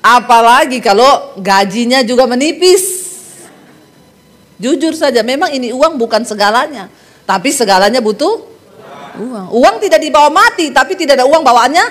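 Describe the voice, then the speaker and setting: Woman preacher, from Sulawesi, high voice, joking storyteller, laughs often. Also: expressive, normal speed, a bit bright. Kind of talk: humorous sermon to a congregation.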